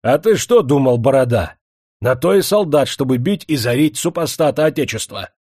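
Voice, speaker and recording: A man's voice: mid-range voice, lively intonation, normal speed, mellow, breathy edge, dry recording, studio quality, voice pushed up. A man doing a coarse drunken lieutenant. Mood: mocking threats. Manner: coarse, mocking, barking orders. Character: boorish drunken army lieutenant, mocking and cruel.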